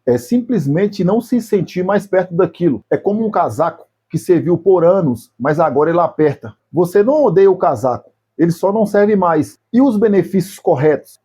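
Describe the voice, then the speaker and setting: A man with a Brazilian Portuguese accent, his voice somewhat high for a man yet mellow and a little husky. He talks straight to the viewer in a reflective video essay, slow and deliberate, laying out short phrases one at a time. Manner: speaks slowly and deliberately, addressing the viewer directly in short phrases. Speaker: YouTube channel host.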